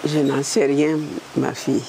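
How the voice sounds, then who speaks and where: Gravelly-voiced woman in her eighties. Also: extremely low pitch, unhurried, slight background noise. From Burkina Faso. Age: 80s. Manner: lively, animated storytelling. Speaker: interview guest, former state secretary. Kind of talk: storytelling interview.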